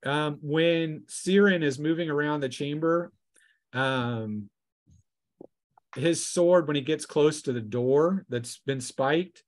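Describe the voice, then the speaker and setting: Running a tabletop role-playing session, a man casually describes scenes and hands down rulings as game master, now and then in a halting way. His pitch is fairly high.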